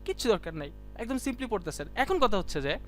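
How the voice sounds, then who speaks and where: A man teaching a class in a casual, chatty way, quizzing students by name and often wrapping up points with a quick "done". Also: sits high, very animated, a little hiss or hum. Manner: colloquial, keeps saying "done" and "see". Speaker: ICT teacher. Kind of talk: casual live class lecture.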